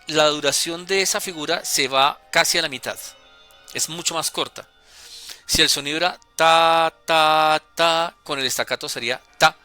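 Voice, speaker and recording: Bright-voiced man teaching music notation. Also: on the high side. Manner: deliberate, with hesitations and self-corrections.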